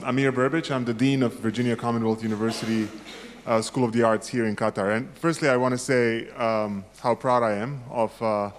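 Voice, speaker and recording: A polite man in a middle register asks the panel a question from the audience of a live talk, modest and a little self-deprecating. His voice rings with the long reverb of a big hall. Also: medium pitch. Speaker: university dean asking an audience question.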